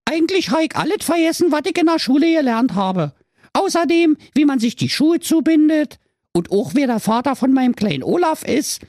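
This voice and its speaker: A narrator voicing a dim-witted, frantic young mother with a Berlin accent in a squeaky, shrieking voice. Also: big pitch swings, brisk, a little mellow, no room sound, studio quality. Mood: scatterbrained.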